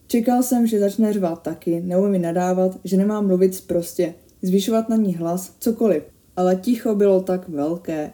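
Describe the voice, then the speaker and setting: A woman reading a first-person horror story aloud in a steady, measured way that grows tense at the scary moments. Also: on the low side.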